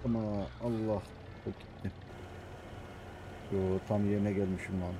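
A man with a Samsun accent, an adult with young kids, giving hushed, muttering commentary over a farming game, as his channel's host. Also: fairly low pitch, steady tone, normal speed, noisy background. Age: adult with young children. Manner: talks quietly, mutters to himself. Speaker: gaming YouTuber.

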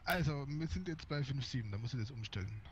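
A game streamer jokes and teases in casual gaming chat over online voice chat, his medium-pitched voice expressive and fast. The audio is muffled, with clearly audible background noise.

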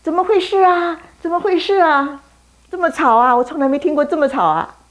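A woman voicing a blind male beggar who cries out loudly, strained and pleading, in a storybook tale for children. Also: high-pitched, expressive, a little fast, pitched above the performer's own voice. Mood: puzzled.

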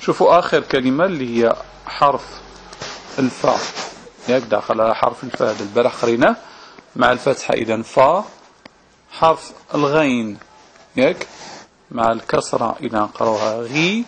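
A man with a Moroccan Arabic accent teaching reading step by step, slow and patient, often checking that the listener follows. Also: mid-range voice, creaky, a little hiss or hum. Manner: slow, patient, checks understanding with tag questions. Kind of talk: at-home teaching video.

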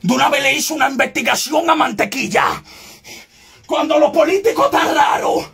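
Evangelist, male, very high gravelly shout, confrontational fire-and-brimstone delivery. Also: normal speed, faint music behind. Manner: shouting, insistent and confrontational, bursts into tongues. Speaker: evangelist preacher. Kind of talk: fiery shouted sermon.

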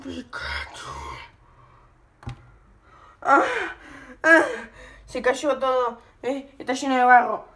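A woman giving excitable let's play commentary, full of frightened cries and screams. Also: high-pitched, slow, pauses often. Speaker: gaming video host.

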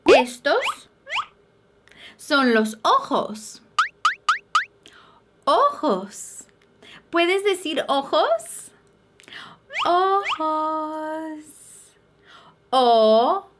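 A woman's voice: extremely high pitch, huge pitch swings, extremely slow, long pauses, noisy background. A woman teaching Spanish words to babies and toddlers, with bouncy, giggly baby talk and playful animal sounds. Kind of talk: slow, sing-song teaching for babies.

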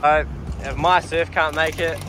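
A man in his twenties talks in a broad New Zealand accent, pitched a little high for a man and taking his time. His vlog chat is casual, slangy and laddish, recorded with loud outdoor and vehicle noise around it. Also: fairly even intonation, a little slow. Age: 20s. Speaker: vlogger. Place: outdoors and inside an old four-wheel drive.

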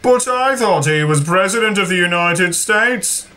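A man's voice: high-pitched, expressive, unhurried, heavy background noise, pitched above the performer's own voice. Man playing a bragging train engine, raised voice, brash, cartoonish. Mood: boastful. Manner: boastful and brash. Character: boastful young male toy train engine.

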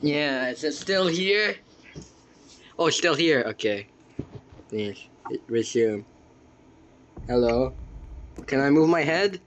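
A man's voice: on the high side, expressive, slow pace, pauses often, fairly bright tone. A young man chatting casually while playing a video game with a friend, often puzzled and exclaiming at what he sees. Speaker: gamer. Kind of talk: casual gameplay chat. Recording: faint background noise.

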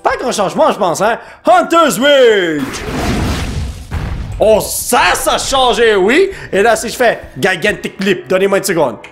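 A man narrates his gameplay in a high, bouncing voice that swings wildly up and down. He is excitable, breaking into shouts and English slang. Faint game music plays underneath. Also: unhurried. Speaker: gaming YouTuber. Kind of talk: live gameplay commentary.

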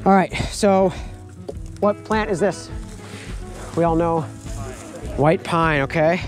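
A man's voice: on the high side, takes it slowly, faint music behind, poor audio. A young man leading a foraging class, talking casually and laughing often. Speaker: foraging instructor. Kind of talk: outdoor teaching walk. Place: forest outdoors, then wooden lodge hall.

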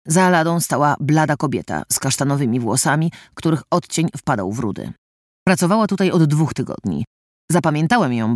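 A man narrating a first-person audiobook in an expressive, dramatic reading style, recorded on a close studio mic. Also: a little high, dry recording.

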